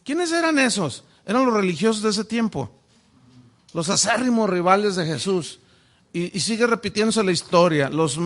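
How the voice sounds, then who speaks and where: A pastor giving a sermon-style Bible lesson, often asking his listeners rhetorical questions. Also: sits high. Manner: asks the audience frequent rhetorical questions. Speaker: pastor teaching Bible study. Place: church classroom with a whiteboard.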